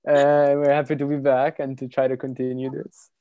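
A man from the UK hosts a laid-back podcast, chatting loosely and rambling from one thought to the next. He talks at an even middle pitch over a video call mic at home. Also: moderate pace, smooth, no room sound, muffled recording. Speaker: podcast host. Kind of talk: casual chat.

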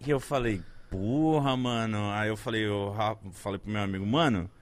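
A man in his thirties chatting casually, telling a story in an animated way, swearing often and acting out what people said. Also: on the low side, normal speed. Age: 30s. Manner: animated storyteller, swears a lot, acts out quoted lines. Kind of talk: casual chat.

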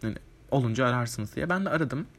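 A man's voice: medium pitch, expressive, fast talker, fairly bright tone. A man telling a casual, rambling storytime monologue, chatty with lots of fillers and offhand swearing. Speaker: vlogger.

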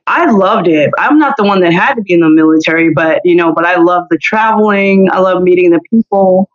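A woman's voice: fairly low pitch, fairly quick. A woman in her forties, a singer, chatting as a podcast guest in a loose, rambling way. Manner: rambling, many "you know" fillers. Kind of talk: casual interview chat. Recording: slightly dull lo-fi audio.

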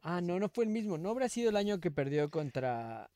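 Co-host, young man, easygoing, slightly high voice, dry sound. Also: very animated, a little fast, mellow, dry recording. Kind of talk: casual chat about films.

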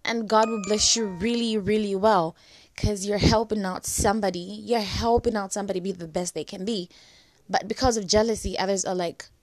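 Over soft background music, a young woman vlogs advice straight to camera in a loose, chatty way, leaning heavily on "like" and other fillers. A flu and dry cough have left her medium-pitched voice a little cracked, and it sounds somewhat mellow, with fairly even intonation at a moderate pace.

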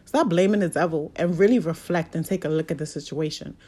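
A woman's voice: low-pitched, fairly quick, dark tone. A woman speaking in a casual motivational monologue, candid and blunt, swearing freely as she preaches about faith and setbacks.

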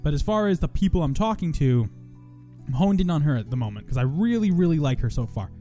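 A man's voice: fairly high pitch, big pitch swings, fast talker, warm tone, faint music behind. A young man hosting a podcast in casual chat, rambling, swearing and poking fun at himself. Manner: profane, rambling, self-mocking. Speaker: podcast host.

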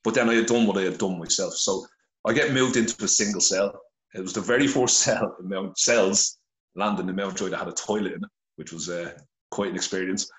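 On a phone pressed to his face, a middle-aged Irish guest tells a podcast his story in candid conversation, bluntly and earnestly, with heavy swearing. His voice sits low, brisk and a bit bright, with fairly even intonation, in a reverberant, low-quality recording.

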